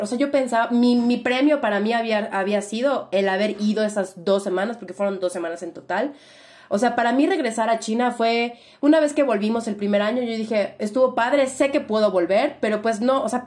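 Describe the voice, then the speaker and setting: A young woman with a Mexican accent talks through her memories in a relaxed interview. She is animated and reflective, circling back with "o sea" and tag questions as she goes. Her voice sits at an ordinary middle pitch. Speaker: interview guest. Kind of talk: casual conversational interview.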